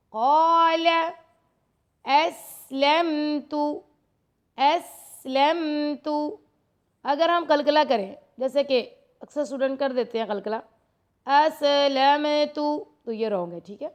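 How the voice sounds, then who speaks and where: A woman teaching a recitation lesson, explaining each rule quickly and then reciting the verse slowly. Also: on the high side.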